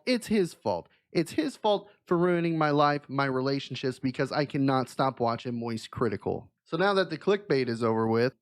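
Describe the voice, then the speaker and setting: A man, a YouTuber and streamer, telling a comic story to camera in a mock-dramatic, self-deprecating way. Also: medium pitch.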